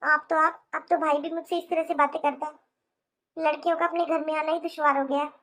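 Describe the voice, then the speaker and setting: A woman's voice: high-pitched, level tone, brisk, a bit bright. A woman voicing a sulky young married sister in a cartoon, complaining in an aggrieved way with a Hindi accent. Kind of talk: cartoon voice acting.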